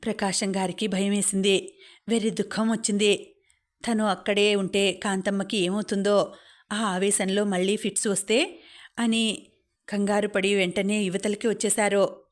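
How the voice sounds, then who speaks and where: Woman audiobook narrator; steady, flat storytelling voice. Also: mid-range voice, moderate pace. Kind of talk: scripted narration of a novel.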